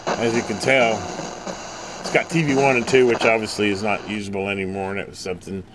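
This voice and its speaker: In this electronics repair video, the male host's lowish voice is flat and brisk as he speaks off the cuff, musing aloud during the hands-on review and fix. Background noise is audible.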